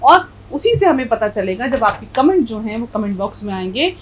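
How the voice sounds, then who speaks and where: A woman's voice: fairly high pitch, very animated, a little fast, slight background noise, low-quality recording. A middle-aged woman teaching a language lesson, patiently spelling out letters and stressing correct pronunciation. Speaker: Urdu teacher.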